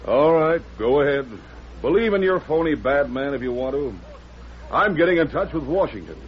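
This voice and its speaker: Actor as a blustering, accusing rancher, animated pitch. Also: male voice, fairly quick, natural voice. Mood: indignant. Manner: blustering, emphatic, indignant. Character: angry, accusing rancher convinced of a plot. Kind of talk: 1940s radio western acting. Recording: dull vintage radio recording.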